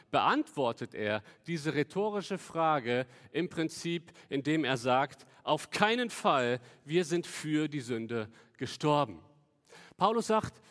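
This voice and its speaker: A man preaching a sermon in an earnest, explanatory manner, slowing down to stress quoted lines. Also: on the high side, a bit bright, big-room sound. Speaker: pastor.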